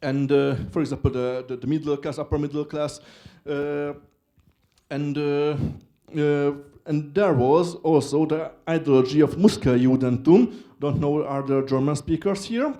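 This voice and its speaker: Halting Hungarian-accented young man. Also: fairly high pitch, warm tone. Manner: halting, many filler pauses. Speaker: student speaker. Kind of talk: short stage talk.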